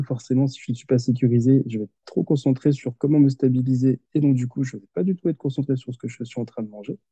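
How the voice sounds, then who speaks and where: He has a dark, slightly rough mid-range tone without echo, this thirty-something occupational therapist. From a home office with a window, he patiently explains with examples in a video call interview, heard over a headset with muffled audio.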